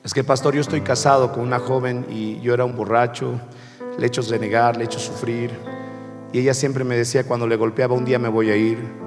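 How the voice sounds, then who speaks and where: A pastor voicing an injured, despairing young man who drank, in a low, subdued and pained voice. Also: level tone, fairly quick, natural voice. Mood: remorseful. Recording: long reverb with faint music.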